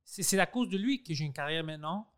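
Guy with an english accent talking french on his podcast, kinda high voice, lively, acts out what people told him. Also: quick pace, clear, resonant tone. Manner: animated, acts out quoted dialogue, mixes in English words. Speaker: podcast host. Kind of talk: casual conversation.

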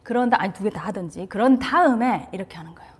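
A woman's voice: medium pitch, fast, breathy edge. A woman giving a casual talk on parenting and anxiety, asking her listeners questions and slipping in English terms. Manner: lively, asks the audience questions, drops in English terms. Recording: reverberant room.

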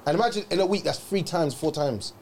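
Young man, slightly high voice, emphatic and lecturing, casual chat, faint background noise. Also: fast, a little mellow. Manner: emphatic, lecturing, slang-heavy.

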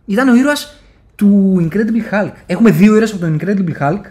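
Lively, animated male podcast co-host. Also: high-pitched. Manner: animated, talkative, runs the segments. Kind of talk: casual pop-culture chat.

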